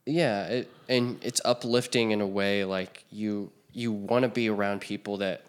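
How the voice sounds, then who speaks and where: Low-voiced man in rambling podcast chat. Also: fairly even intonation, unhurried. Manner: rambling, lots of fillers and restarts. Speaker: podcast co-host. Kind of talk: casual chat.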